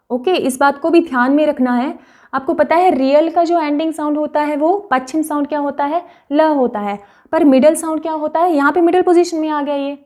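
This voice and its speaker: High-pitched woman teaching Korean patiently. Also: darkish tone. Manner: patient, repeats practice words slowly, frequent "okay". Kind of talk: explanatory online lesson.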